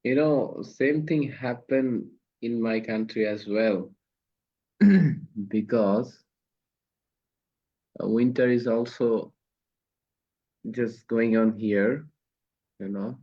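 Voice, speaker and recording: On a casual video call, a Bangladeshi man hosts an online speaking practice meeting, talking slowly in halting non-native English full of fillers. His mid-range voice has a warm tone, and the call audio sounds dull and lo-fi.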